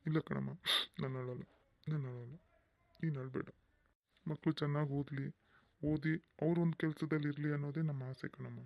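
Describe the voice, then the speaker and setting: A man playing a loving, soft-hearted village father in a family cartoon story, with affectionate, plain speech. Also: fairly high pitch, steady tone, brisk, no echo, dull audio, close to an everyday voice.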